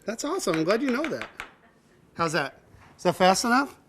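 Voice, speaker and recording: Cooking-show host, male, jokey and warm with kids, faint kitchen clatter behind. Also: sits high, sing-song, brisk, slight background noise. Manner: joking, laughs often, talks to a child as "buddy". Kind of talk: teaching kids to cook, playful banter.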